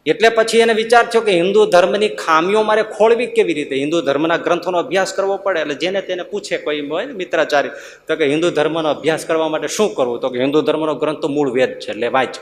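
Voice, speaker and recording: Swami, animated storytelling sermon, fairly high voice, long hall reverb. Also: male voice, fast. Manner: animated, acts out villagers' voices, chuckles. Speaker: swami giving a discourse.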